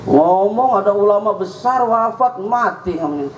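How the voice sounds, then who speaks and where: High-voiced Betawi preacher in an echoey hall. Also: male voice, lively intonation, normal speed, muffled recording. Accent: Jakarta Betawi. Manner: joking, rising to shouts at points. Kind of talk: sermon. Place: mosque or prayer hall. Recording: echoey hall with faint hum.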